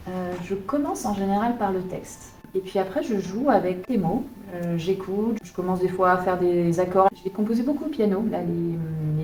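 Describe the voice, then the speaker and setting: A woman in her late thirties from Alsace, a singer-songwriter, speaking in a lowish, warm and mellow voice. She answers interview questions earnestly, pausing to find her words. She is picked up from a distance at a concert venue, and the room echoes around her. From Alsace, France. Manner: earnest, thoughtful, searching for words.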